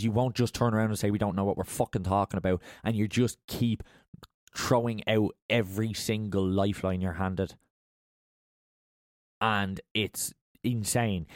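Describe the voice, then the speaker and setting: A man's voice: fairly low pitch, a little mellow, no echo, clean studio sound. A man, co-hosting a casual political chat, blunt, exasperated and swearing. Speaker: podcast co-host.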